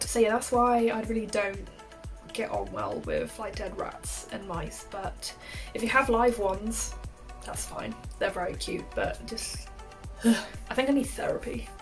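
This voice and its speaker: Chatty young woman vlogging. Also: medium pitch. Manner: chatty, heavy use of "like", laughs often. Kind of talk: casual storytelling to camera.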